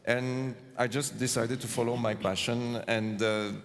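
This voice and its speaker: A man's voice: medium pitch, flat delivery, measured pace. A man from Tunisia, a tech company founder, answering a panel question in an earnest, thoughtful way with hesitant restarts. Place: large conference hall stage. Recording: long hall reverb.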